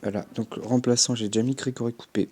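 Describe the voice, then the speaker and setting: Husky-voiced young man commenting a game. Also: medium pitch, fairly even intonation, fast, warm tone. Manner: chatty, swears offhandedly, punctuates with sound effects. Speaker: gaming YouTuber.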